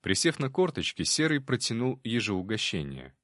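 A man reading an audiobook in calm, measured scripted narration. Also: medium pitch, no room sound, studio quality.

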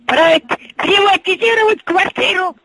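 A woman's voice: very high-pitched, measured pace, a bit bright, a little hiss or hum, low-quality recording. An older woman on the phone who cannot hear well, repeating herself in confusion.

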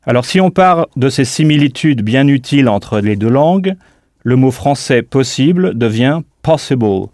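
Male language teacher, scripted audio lesson, careful deliberate delivery, spells words out, dry close sound, mid-pitched voice. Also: lively intonation, darkish tone, no room sound. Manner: models pronunciation slowly and deliberately.

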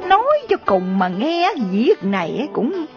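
A woman's voice: fairly high pitch, very animated, measured pace. A woman voicing a weary, scolding older country mother with a Southern Vietnamese accent, in radio drama style. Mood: complaining. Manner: nagging, complaining. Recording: dull lo-fi recording, faint music.

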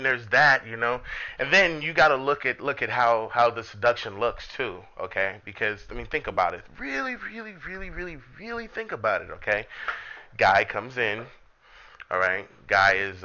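Podcast host guy, sharp bright voice, kinda muffled lo-fi call sound, rambles a lot. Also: medium pitch. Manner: rambling, many fillers and restarts. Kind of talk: casual podcast chat. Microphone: headphones on a remote call.

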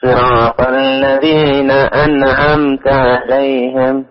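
A man's voice: medium pitch, flat delivery. A man calling in to recite the Quran carefully for correction. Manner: measured, careful chanting. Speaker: caller. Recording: dull lo-fi call with long reverb.

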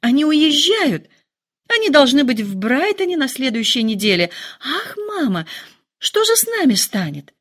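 A flighty, giddy teenage girl whining in a very high voice, as a woman puts her on. Her excited pleas jump about in pitch, storybook style. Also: normal speed. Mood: whiny. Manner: whiny, excited.

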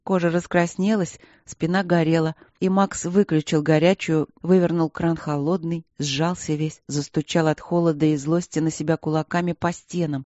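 A man narrating a novel in steady, even storytelling. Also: on the high side, normal speed, hardly any pauses, dry recording, muffled recording. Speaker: audiobook narrator. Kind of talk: scripted narration.

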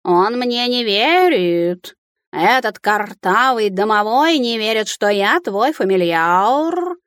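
A loud, self-important male cat familiar yowls his complaints in a high, strained voice, as a woman narrator puts him on. The sound is dry and close, with no room around it. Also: expressive, slow pace, no room sound. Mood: indignant yowling. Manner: yowling, indignant.

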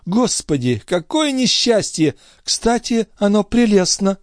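A man voicing an excitable, dramatic highborn countess in an audiobook. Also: a little slow, dry recording, clean studio sound. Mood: distraught. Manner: exclaiming, theatrical.

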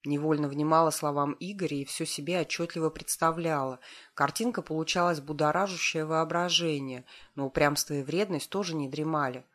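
A woman's voice: low-pitched, steady tone, brisk, a bit bright. A woman reading a first-person novel aloud as an audiobook, with a wry, stubborn tone. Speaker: audiobook narrator.

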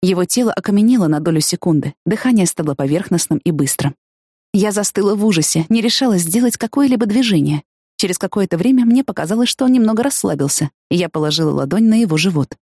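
Give me a woman narrating a first-person novel with expressive delivery and a dry studio sound. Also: mid-range voice, quick pace, dry recording. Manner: expressive, lifts voice for excited quotes. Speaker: audiobook narrator.

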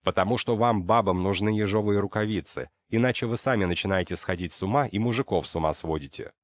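A man's voice: fairly low pitch, fast talker, lightly acted. A man voicing a spoiled, domineering rich man who speaks in curt commands. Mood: cold.

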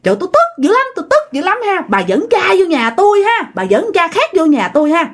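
A woman's voice: high-pitched, big pitch swings, moderate pace, a bit bright, pitched above the performer's own voice. A woman voicing the angry ghost of a dead husband speaking through a neighbor woman, ranting and scolding shrilly. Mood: furious.

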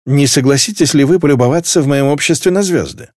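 A man's voice: fairly high pitch, fast, darkish tone, dry recording, clean studio sound, pitched above the performer's own voice, natural voice. Jokey young nobleman, theatrical; man voicing. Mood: joking. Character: merry young nobleman, teasing drinker.

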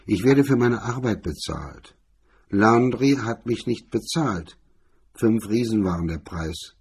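A man's voice: on the low side, expressive, takes it slowly, a little mellow, slightly rough, exaggerated voice. A man reading the part of a cool, sneering male blackmailer, in a mocking, condescending tone. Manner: mocking, condescending, hard-edged.

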